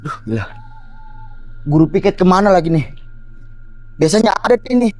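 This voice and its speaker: An actor playing a frantic school worker who pleads and insists a flood is coming, with faint music under the scene. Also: male voice, high voice, sing-song, a little fast, a little mellow, poor audio. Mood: panicked. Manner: panicky, pleading, keeps adding "Pak". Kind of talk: horror film acting.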